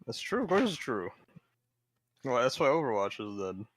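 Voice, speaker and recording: A man's voice: medium pitch, big pitch swings, moderate pace, no echo. A young man chatting casually with a friend, giving short, blunt answers. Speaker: friend on a call. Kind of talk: casual chat.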